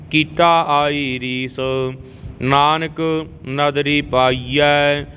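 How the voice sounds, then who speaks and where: Slow, even-toned man reciting scripture. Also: on the high side, slight background noise. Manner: measured line-by-line recitation, stopping to correct pronunciation.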